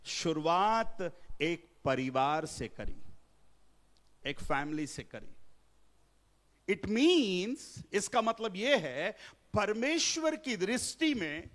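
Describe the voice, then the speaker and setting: A man's voice: high voice, a bit bright. A middle-aged man preaching as a pastor at a family seminar, mixing in English phrases and joking with the congregation. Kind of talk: Hindi sermon at a family seminar. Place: church hall.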